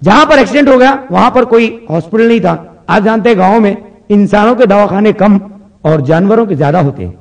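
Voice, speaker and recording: A man's voice: sits high, lively intonation, fairly quick, distant mic. A male comedian telling jokes in a chatty stand-up storytelling manner.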